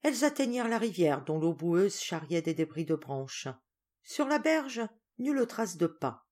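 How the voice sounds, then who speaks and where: A woman's voice: fairly low pitch, very animated, unhurried, darkish tone. Woman reading a classic short story. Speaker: audiobook reader. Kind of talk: scripted narration.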